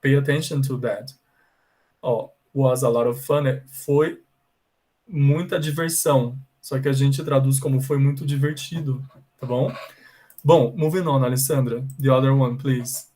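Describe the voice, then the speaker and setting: Brazilian male English teacher, mid-pitched and slow, patient and repetitive, heard over a video call. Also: steady tone, mellow, poor audio. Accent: Brazilian Portuguese. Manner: patient, repetitive, checks in often with students. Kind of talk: bilingual online English class.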